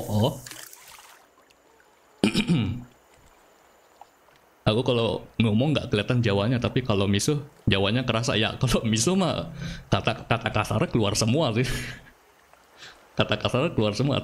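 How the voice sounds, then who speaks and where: A man from Bali with a Balinese accent, chatting casually on a live stream, answering viewers while he plays and laughing often. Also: on the low side. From Bali, Indonesia.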